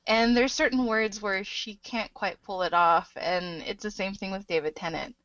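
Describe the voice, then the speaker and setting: A woman co-hosting a casual chat show, giggly and animated, often saying "like". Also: mid-range voice, normal speed, no echo, highs cut off. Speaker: podcast co-host.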